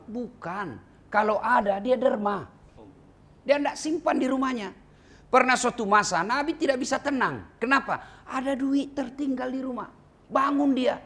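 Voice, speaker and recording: A male preacher telling a story in a humorous sermon, asking the audience questions and acting out the voices. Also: very high voice. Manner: animated, acts out voices, asks the audience questions.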